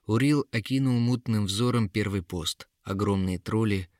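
A man narrating a fantasy tale in a steady, dramatic storytelling voice. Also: on the low side, normal speed, no echo, studio quality.

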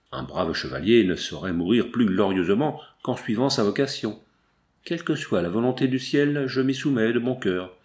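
A man's voice: mid-range voice, a little mellow, close to an everyday voice. A man reading as Manfred, a grieving proud prince. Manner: declamatory, pleading. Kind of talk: audiobook dialogue reading.

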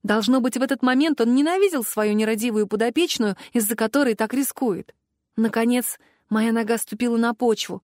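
A woman narrating a fantasy audiobook in the first person, with expressive, emotional storytelling on a close studio mic. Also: a little high, fairly quick, no room sound.

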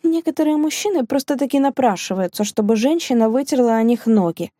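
A woman voicing a fiery, sharp-tongued young woman who answers back defiantly in an audiobook. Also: sits high, dry recording, voice pushed up. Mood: indignant. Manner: defiant, quick-tempered retorts. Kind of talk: audiobook character reading.

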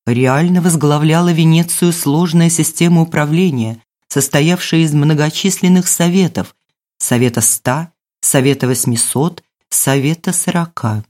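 A woman narrating a storybook tale in a measured, expressive reading. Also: deep voice. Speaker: audiobook narrator.

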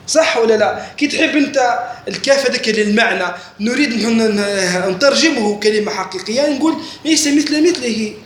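A religious teacher gives a classroom lesson in a high, fairly bright voice, speaking a bit fast with few pauses. He keeps asking questions to make sure students follow, and the room echoes with faint background noise.

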